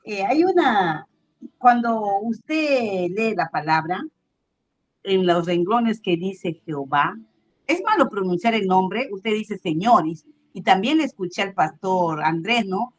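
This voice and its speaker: A woman's voice: mid-range voice, lively intonation, slow. A woman from the congregation with a Peruvian Spanish accent, politely asking her pastor questions, hesitant and adding "¿no?" often. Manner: hesitant, polite, with many "¿no?" tags. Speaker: church member asking questions.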